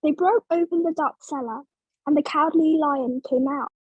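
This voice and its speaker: A woman from Vietnam narrating a children's storybook in English for learners, slow and clear. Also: high voice, no echo, muffled recording.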